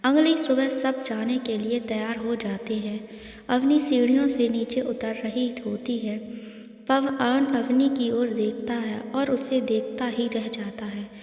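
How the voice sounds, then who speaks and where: A woman narrating a story in an even, unhurried storytelling manner, recorded in an echoey room. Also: on the high side. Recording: echoey room with long reverb.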